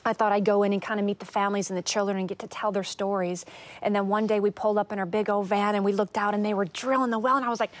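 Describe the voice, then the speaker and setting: Earnest, animated woman guest. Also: medium pitch, fast talker, no room sound. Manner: earnest and animated, acts out quotes in a raised excited voice. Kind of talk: casual talk show testimony.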